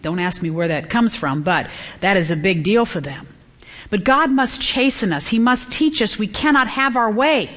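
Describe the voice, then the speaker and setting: A middle-aged woman delivers a Bible teaching to a group of women, with a voice of ordinary pitch for a woman. She is earnest and climbs high and emphatic to press a point home. She slips briefly into the voices of children and parents. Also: lively intonation, moderate pace, fairly bright tone. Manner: acts out quoted children and parents.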